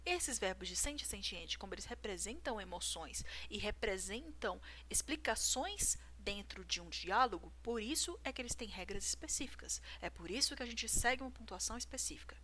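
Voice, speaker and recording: A woman's voice: medium pitch, animated, normal speed, hardly any pauses, sharp tone, a little hiss or hum. A woman explaining grammar rules to a viewer, working through examples and checking in with "right?". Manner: talks through examples, asks "certo?". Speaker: writing teacher.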